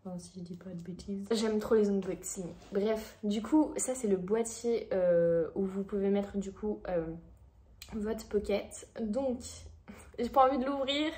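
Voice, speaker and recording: A woman's voice: mid-range voice, fairly even intonation, measured pace, mellow. A young woman from France chatting casually as she unboxes a new camera, rambling with many fillers. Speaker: vlogger.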